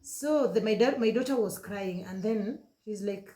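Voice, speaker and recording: Kenyan woman telling a story, halting. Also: medium pitch, mellow. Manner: halting, repeats and corrects herself, switches into Swahili. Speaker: vlogger. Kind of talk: emotional personal storytelling. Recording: roomy echoey room.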